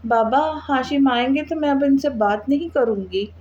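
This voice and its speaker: A woman's voice: high-pitched, moderate pace, a little mellow, dull audio, natural voice. A woman voicing a tearful young woman in a read-aloud novel, sobbing and pleading.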